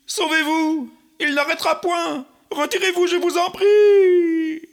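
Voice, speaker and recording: Une vieille paysanne rusée, jouée par un homme dans un conte lu à voix haute, qui gémit et se lamente avec emphase. La voix est très aiguë et vive, pleine de plaintes exagérées. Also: male voice, extremely high pitch, steady tone, takes it slowly, creaky, fairly bright tone, exaggerated voice. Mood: wailing. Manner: plaintive, wailing, theatrical. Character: cunning old peasant woman, feigning despair.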